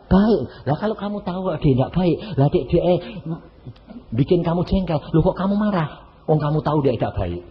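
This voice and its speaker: Preacher guy, dull echoey hall sound, faint noise behind. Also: on the high side. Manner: animated, teasing rhetorical questions to the congregation. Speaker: evangelist preacher. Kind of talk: sermon.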